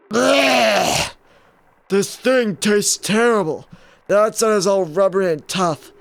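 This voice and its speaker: A man's voice: fairly high pitch, dry recording. Joking young man commenting on his gameplay. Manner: joking, self-talk. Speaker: gaming YouTuber.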